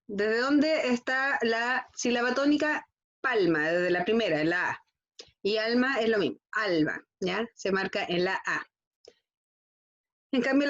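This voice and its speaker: A woman's voice: a little high, lo-fi sound. A woman teaching a school lesson, constantly checking in with her students. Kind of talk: classroom lesson.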